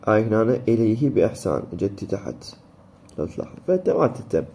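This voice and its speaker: A man's voice: on the low side, very animated, fast, warm tone, slight background noise. A man with an Iraqi Arabic accent teaching a recorded lesson on recitation rules, explaining step by step and answering his own questions.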